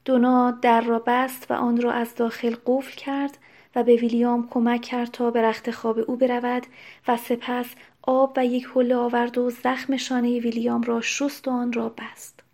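Woman narrating in a flat, even tone. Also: fairly high pitch. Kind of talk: audiobook narration.

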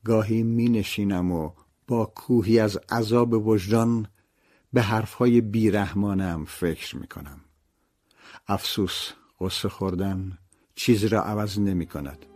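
A man's voice: fairly low pitch, a little mellow. A man narrating a memoir-style audiobook in a somber, reflective, scripted manner.

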